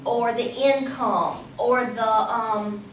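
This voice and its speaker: A woman math teacher giving a lively classroom lecture, talking casually and asking the class questions. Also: fairly high pitch, takes it slowly. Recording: echoey classroom from a distance, faint hum.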